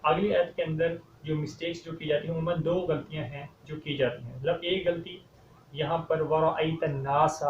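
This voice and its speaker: A man with a Pakistani Urdu accent teaches Quran recitation, calm and methodical as he walks through common mistakes. His voice sits a little high, and he slows into long chanted verses. The room sounds echoey and slightly muffled, with a faint hiss. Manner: patient, explains each error, then recites slowly and louder. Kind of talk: step-by-step recitation lesson with slow chanted verses.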